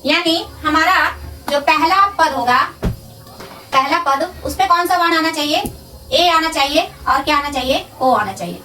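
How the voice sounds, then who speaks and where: High-voiced woman teaching, distant mic. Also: pushed and bright, faint music behind. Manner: asks questions and answers them herself; repeats terms slowly and syllable by syllable. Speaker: Sanskrit grammar teacher. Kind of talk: classroom-style lesson.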